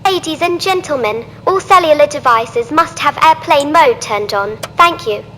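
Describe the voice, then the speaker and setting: A woman's voice: sits high, moderate pace. A woman speaking as a flight attendant, making a formal, courteous scripted cabin announcement. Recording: long reverb, steady hissing noise.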